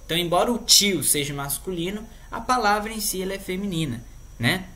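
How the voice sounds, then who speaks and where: Chatty Brazilian teacher, frequent check-ins. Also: female voice, on the low side, animated, fairly quick, a bit bright. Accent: Brazilian Portuguese. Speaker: language teacher. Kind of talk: casual lesson explanation.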